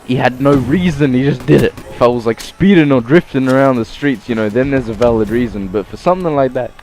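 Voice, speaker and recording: A man's voice: mid-range voice, a little fast, darkish tone. Young Australian guy telling a story. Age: young adult. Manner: swears freely, acts out quotes in voices. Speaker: vlogger. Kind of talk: casual storytelling vlog.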